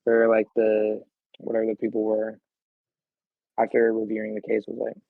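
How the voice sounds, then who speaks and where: A man's voice: fairly low pitch, monotone, moderate pace, creaky, no room sound. A man co-hosts a casual podcast and tells crude, rambling stories. His voice comes through tinny and dry, like a phone-quality voice chat with no room sound. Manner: crude, profane, rambling storyteller. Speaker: podcast co-host.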